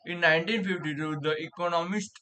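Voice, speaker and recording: A man reading aloud haltingly with a pen held in his mouth, so his words are muffled and he often stumbles and repeats them. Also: fairly high pitch, bright, forceful tone. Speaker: vlogger reading a book aloud for vocal practice.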